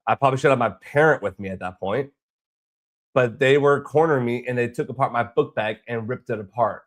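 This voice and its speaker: A man's voice: medium pitch, brisk. A man from Boston recounts a bad travel experience in a loose, rambling way. He often stumbles and restarts mid-sentence. His tone stays aggrieved and frustrated. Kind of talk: casual storytelling vlog.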